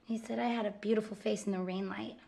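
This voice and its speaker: An actress playing a pampered, romantic young woman who talks in a soft, earnest, confiding way. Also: medium pitch, fairly even intonation, fast, vocal fry, lightly acted. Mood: dreamy. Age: young adult. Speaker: actor in a film scene. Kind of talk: naturalistic film acting.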